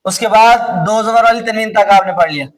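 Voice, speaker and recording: A man with a Pakistani Urdu accent teaching a class on reading the Quran. He slowly repeats words over and over, quizzes his students, and sometimes calls out loudly. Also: sits high. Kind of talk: classroom lesson on Quranic recitation rules. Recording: distant mic with clear background noise.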